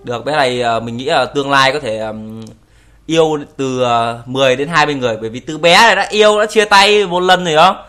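A man's voice: medium pitch, fast, sharp tone, soft background music. A young man casually commenting on video clips, teasing and joking, laughing often and swearing in English. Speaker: YouTuber reacting to videos.

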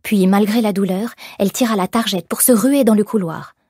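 A woman narrating an audiobook in measured, expressive storytelling. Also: medium pitch, husky, no room sound, clean studio sound. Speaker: audiobook reader. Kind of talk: scripted narration.

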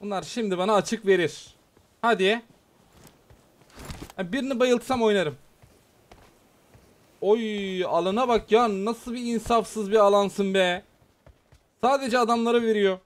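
A man giving excited, chatty live commentary on a mobile shooter game, talking straight to his viewers as he plays. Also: high voice, unhurried, pauses often. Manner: excitable, chatty, talks to viewers while playing. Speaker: gaming YouTuber.

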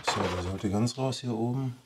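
A man's voice: medium pitch, moderate pace, slight background noise. A man with a Ruhr German accent, thinking aloud in casual commentary as he works on a bonsai. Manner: thinking aloud, muttering while he trims. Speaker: bonsai vlogger. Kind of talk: casual commentary while working.

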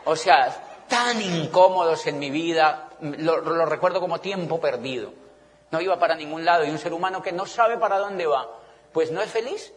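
A middle-aged man with a Colombian accent giving an animated motivational talk to a live audience, often checking that they follow him. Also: on the high side. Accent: Colombian Spanish. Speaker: motivational business speaker. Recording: long reverb of a large hall.

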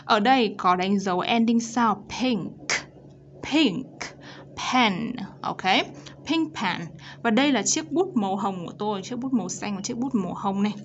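A woman teacher with a Vietnamese accent explaining pronunciation and reading model sentences slowly and clearly. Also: medium pitch, slight background noise. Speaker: English teacher. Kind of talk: pronunciation lesson. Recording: dull lo-fi recording.

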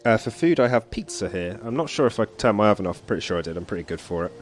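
A man with a lowish, animated voice talks at a quick clip while streaming a game from his home computer. He chats casually, thinks out loud, reads the on-screen story text, and chuckles often, with faint game music behind him.

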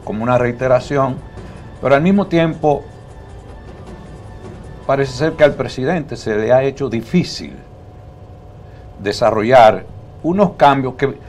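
An older man, speaking as a guest analyst on a TV panel, measured and full of hesitant fillers. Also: medium pitch, darkish tone, faint music behind. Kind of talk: political panel talk. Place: TV studio. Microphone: lapel mic.

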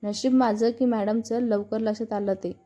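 A woman's voice: a little high, steady tone, moderate pace, mellow, close to an everyday voice. A woman voicing an irritated but tender young man in an audio story. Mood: angry. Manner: irritated, reproachful. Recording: dull lo-fi narration with faint music.

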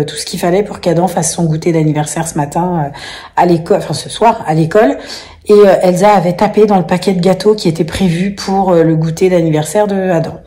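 A woman's voice: fairly low pitch, dark tone. A woman telling a family story in a casual vlog, chatty and full of fillers. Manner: chatty, many fillers, acts out quoted voices. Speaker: vlogger, mother of five.

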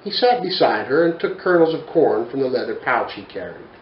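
Here a storyteller in his forties brings a children's picture book to life in a bookshelf-lined study, his reading lively and expressive. He speaks briskly at a medium pitch. The audio is roomy and dull, with slight background noise.

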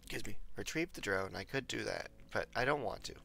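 Young male streamer, getting over a cold, rough gravelly voice, chatty and rambling. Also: lowish voice, expressive, a little fast, pushed and bright. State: recovering from a cold. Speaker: livestreamer. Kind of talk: casual gameplay commentary.

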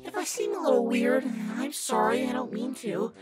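A woman's voice: sits high, expressive, normal speed. A woman voicing an eccentric, apologetic pizzeria puppet who rambles in an amateur plush-toy cartoon. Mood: nervous, apologetic. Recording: loud music behind the voice.

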